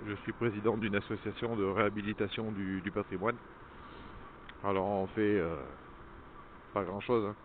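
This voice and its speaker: A man's voice: fairly low pitch, level tone, phone-quality sound, slight background noise. Man talking inside a motorbike helmet. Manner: chatty, halting, many fillers. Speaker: crane operator. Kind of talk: casual vlog while riding. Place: outdoors on a small motorbike.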